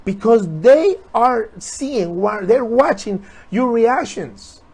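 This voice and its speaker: High-voiced earnest motivational man. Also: expressive, slow, darkish tone, husky. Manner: earnest, repetitive, urging viewers. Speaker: motivational speaker. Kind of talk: motivational talk on a live stream.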